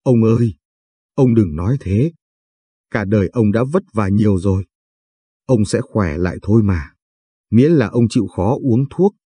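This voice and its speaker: A man's voice: fairly low pitch, animated, a little slow, long pauses, mellow, husky, no echo. A man voicing a young woman, a new doctor and devoted granddaughter who pleads affectionately with her grandfather. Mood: pleading.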